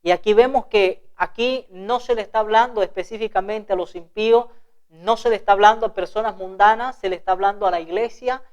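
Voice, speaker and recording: A woman from Honduras with a Honduran accent preaching a televised sermon, speaking earnestly to viewers and reading scripture slowly. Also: mid-range voice, muffled recording. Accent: Honduran Spanish.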